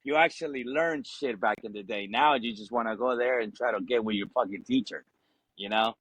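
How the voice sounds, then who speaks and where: A man in his forties, originally from Ecuador and a Spanish speaker first, chats with a podcast host in a loose, friendly way, full of fillers and the odd curse. His voice sits at an ordinary middle pitch. The sound is dry and close. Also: brisk, fairly bright tone, breathy edge, no echo, poor audio. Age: 40s. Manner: easygoing, swears, leans on fillers. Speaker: podcast guest, Marine veteran. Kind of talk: casual chat.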